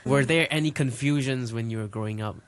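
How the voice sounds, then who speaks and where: A man's voice: mid-range voice, brisk, no room sound. Man co-hosting a podcast. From Hong Kong. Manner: reads quiz questions crisply, short reactions. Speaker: podcast co-host.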